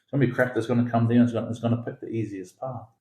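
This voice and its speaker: Podcast guest, male, from Singapore: warm low voice, insistent repetitive delivery, roomy sound. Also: fairly even intonation, rapid-fire. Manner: emphatic, repetitive, builds points through extended metaphor. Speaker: founder of an education academy, podcast guest. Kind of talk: conversational podcast interview.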